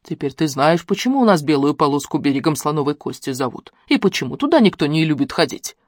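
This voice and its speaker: A woman's voice: low voice, very animated, quick pace, no echo, clean studio sound. A woman doing a sly old village granny. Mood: folksy. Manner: folksy rural speech, sly and sing-song. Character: shrewd old village granny, folksy and teasing.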